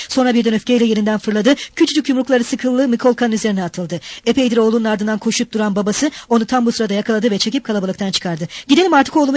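Woman reading a novel fast and dramatic, dry close sound, old tape audiobook. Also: on the high side, dry recording. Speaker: audiobook narrator. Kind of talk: scripted literary narration. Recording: cassette audiobook.

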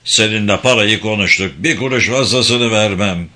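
A man voicing a gruff, bitter police chief who barks orders in a harsh, cursing tone, as part of a story reading. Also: fairly low pitch, moderate pace, sharp tone. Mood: curt.

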